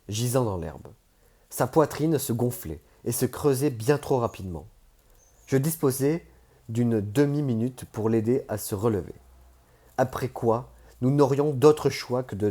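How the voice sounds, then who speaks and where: A man narrating a first-person novel as an audiobook, measured and steady. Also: mid-range voice.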